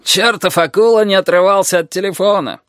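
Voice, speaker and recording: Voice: medium pitch, a little fast, dry recording, clean studio sound, pitched above the performer's own voice, close to an everyday voice. A reader doing a sardonic, grumbling teacher. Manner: grumbling, increasingly heated. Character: gloomy, sardonic male teacher called the lizard. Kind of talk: audiobook character voice.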